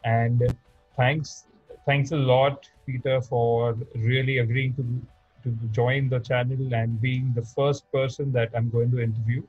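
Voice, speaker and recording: A man's voice: mid-range voice, flat delivery, a little slow, slightly rough, no room sound, narrow, tinny audio, soft background music. A man hosting an interview, asking questions politely and with some hesitation. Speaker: host.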